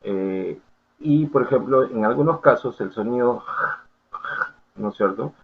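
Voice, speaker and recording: A man's voice: mid-range voice, a little slow, vocal fry, husky. A man giving an academic lecture, explaining step by step and often checking in with his students. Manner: explanatory, full of checking questions and fillers. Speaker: university lecturer. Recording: tinny phone-like audio.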